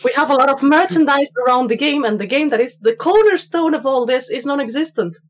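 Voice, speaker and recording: A woman's voice: high voice, lively intonation, brisk. Wry woman co-hosting a podcast. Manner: wry, explanatory. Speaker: podcast co-host. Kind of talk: casual chat.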